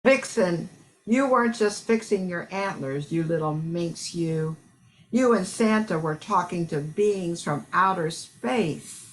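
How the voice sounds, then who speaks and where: Woman as animated, motherly Mrs. Claus. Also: fairly low pitch, slow. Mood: chiding. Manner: fond, chiding. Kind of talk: amateur radio play acting. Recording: slightly noisy amateur recording.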